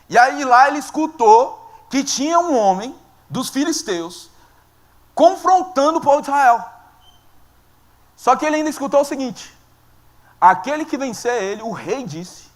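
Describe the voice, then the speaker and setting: Brazilian pastor guy preaching, jokey and animated, really high voice. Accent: Brazilian Portuguese. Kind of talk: sermon.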